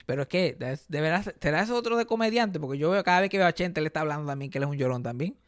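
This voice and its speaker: A man's voice: fairly high pitch, rapid-fire, no echo, studio quality. A young Puerto Rican man with a Puerto Rican Spanish accent, a comedian co-hosting a casual podcast, telling stories animatedly and mixing English words into his Spanish. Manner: animated storyteller, mixes English words into Spanish, acts out quoted voices.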